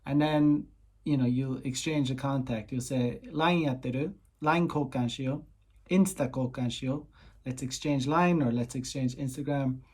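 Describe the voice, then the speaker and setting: A man's voice: medium pitch, steady tone, measured pace, darkish tone, slightly rough. A man from Ireland, talking casually and rambling with many fillers as he gives dating tips and translates simple Japanese phrases. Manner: rambling, heavy on "you know" fillers; slips in basic Japanese phrases and translates them. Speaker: dating coach. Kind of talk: casual explanatory vlog talk.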